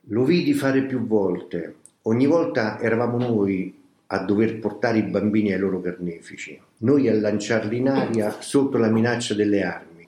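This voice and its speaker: A man reading a memoir aloud as scripted audiobook narration, in a slow, grave, measured way. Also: on the low side, a little mellow. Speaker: reader of a memoir. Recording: roomy echo.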